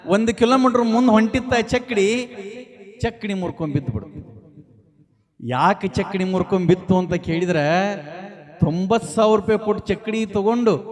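A man, telling folk tales on stage, repeating lines and quizzing the audience. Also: sits high. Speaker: folk humorist speaker.

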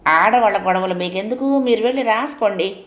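A woman's voice: mid-range voice, moderate pace, a little mellow, echoey room, natural voice. Nagging gossipy housewife, put on by a woman. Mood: irritable. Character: nosy bossy middle-aged housewife.

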